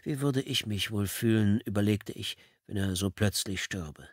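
A man narrating a first-person audiobook in a calm, measured reading. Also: fairly low pitch, dry recording, clean studio sound.

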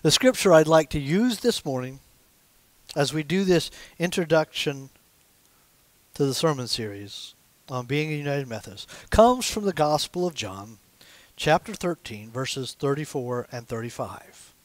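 With big pitch swings and a measured pace, this slightly high-voiced man in his sixties preaches conversationally at a small church pulpit, gesturing as he talks. The sanctuary has stained glass windows, yet the recording carries no room sound.

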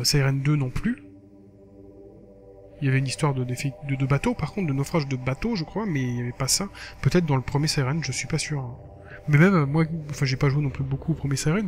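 A man's voice: medium pitch, darkish tone, a little hiss or hum. A man giving casual commentary for a gaming video, rambling and correcting himself as he talks, with an occasional swear. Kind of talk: casual commentary while reading a blog aloud.

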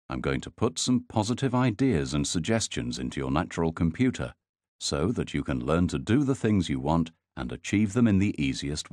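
Deep-voiced man guiding sleep hypnosis. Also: a little mellow, dry recording, clean studio sound. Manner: slow, soothing, measured delivery.

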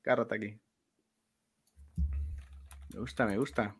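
A man, co-hosting a relaxed livestream, jokey and exclamatory, repeating his phrases. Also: lowish voice, a little slow, breathy edge. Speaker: podcast co-host. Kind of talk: casual chat on a livestream.

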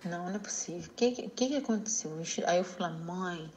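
A woman's voice: lowish voice, fast talker, darkish tone, a little hiss or hum. A woman in a voice message, retelling something in a chatty, incredulous way.

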